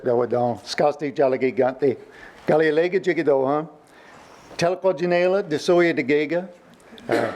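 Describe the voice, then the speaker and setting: A man in his fifties from Oklahoma giving a halting, recited formal introduction to a council. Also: a little high, darkish tone. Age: 50s. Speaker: bike rider introducing himself. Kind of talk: formal introduction in Cherokee then English.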